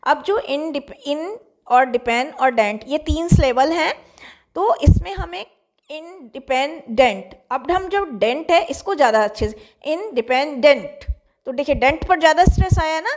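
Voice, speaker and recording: High-voiced woman giving a lecture. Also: a little mellow. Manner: repeats and rephrases definitions, reads English lines slowly. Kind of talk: classroom lecture mixing Hindi and English.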